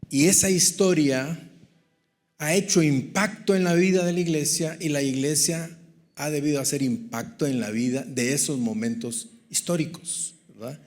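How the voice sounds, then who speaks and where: Slow, measured male pastor lecturing. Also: a little high. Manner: rhetorical, repeats key phrases for emphasis; asks and answers his own questions.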